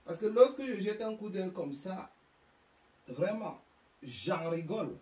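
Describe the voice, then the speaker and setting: A woman's voice: medium pitch, animated, unhurried, warm tone. Scolding woman speaker, distant and echoey. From Africa. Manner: emphatic, scolding, stumbles and repeats words. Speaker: speaker on parenting. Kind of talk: public talk to parents. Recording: echoey room, distant mic.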